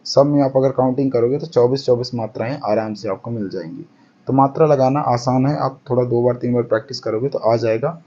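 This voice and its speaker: A man explaining a grammar lesson, who keeps checking with his students and counts syllables out loud one by one. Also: mid-range voice, fairly quick, lo-fi sound. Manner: repeats points, checks with "ठीक है ना", counts out syllables aloud. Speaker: teacher.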